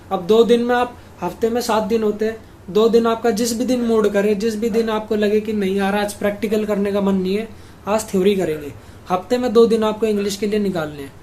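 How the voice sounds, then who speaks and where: A man's voice: sits high, darkish tone, a little hiss or hum. A young man hosting a study-tips video, giving casual advice to students and speaking straight to viewers as he walks through numbered points.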